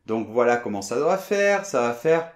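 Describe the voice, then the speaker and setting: A French man teaching French pronunciation, explaining sounds and repeating them slowly for learners. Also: mid-range voice, very animated, roomy sound. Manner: demonstrates sounds, repeats them slowly, often asks d'accord.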